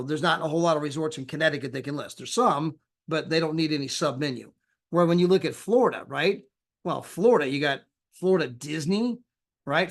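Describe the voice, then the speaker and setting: A man giving a chatty sales presentation over a screen share, often tagging his points with "right?" and "you know". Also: fairly high pitch.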